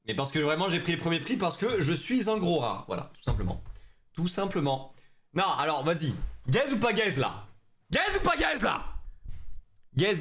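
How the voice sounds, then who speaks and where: A man's voice: fairly high pitch, fairly bright tone. A young man chatting with his viewers during a live stream, joking in slangy talk. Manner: slangy, joking, talks straight to chat.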